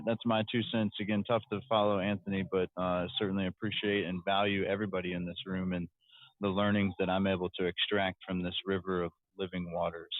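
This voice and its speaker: A man's voice: low-pitched, no echo. A man speaking reflectively in a casual online chat, with frequent restarts. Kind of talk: casual chat on an audio room. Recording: tinny phone-like line.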